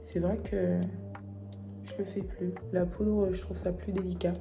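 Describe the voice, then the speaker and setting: A young woman chatting casually through a makeup tutorial, playful and self-mocking with quick asides. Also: fairly low pitch, little pitch movement, creaky, over music. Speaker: beauty vlogger.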